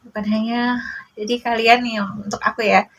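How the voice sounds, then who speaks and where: A woman in her forties, a mother speaking in a casual to-camera monologue, emotional and halting, often addressing her listeners directly, indignant and protective. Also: fairly high pitch, level tone, fairly bright tone, low-quality recording. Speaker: mother sharing a personal story.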